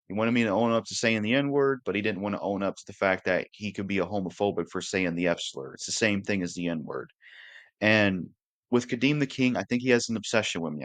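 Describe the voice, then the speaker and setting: Earnest low-voiced young man. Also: a bit bright, dry recording. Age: 20s. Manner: earnest, repetitive, occasionally cursing. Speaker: YouTuber. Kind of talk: casual monologue to camera.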